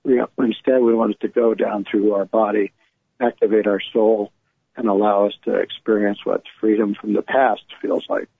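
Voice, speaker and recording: Phone-like narrow sound, man, gravelly and dry, guided meditation, informal soothing instructions, repetitive phrasing. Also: fairly low pitch, little pitch movement, moderate pace, no room sound. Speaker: guest energy healer leading a guided relaxation. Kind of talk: spoken guided meditation with casual explanation.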